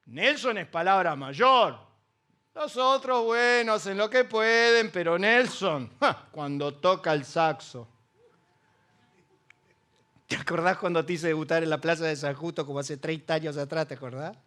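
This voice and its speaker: A middle-aged Argentine pastor with a Rioplatense Spanish accent preaches a humorous sermon full of stories, asking the congregation questions. His voice is a little high, a little slow, and sharp in tone.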